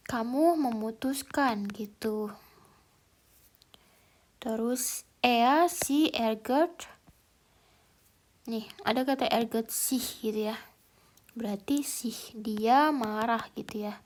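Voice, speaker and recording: Woman tutor, fairly high voice, unhurried, thinks aloud, casual lesson delivery. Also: a little mellow. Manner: slow, hesitant, thinking aloud with fillers. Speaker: German language tutor.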